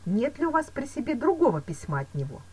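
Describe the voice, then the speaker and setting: A wary fencing master speaks slowly and deliberately, read by a woman with a husky edge and lively pitch. He weighs each doubt before voicing it, like a measured storybook character. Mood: doubtful. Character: calm, suspicious male fencing teacher. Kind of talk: audiobook character reading.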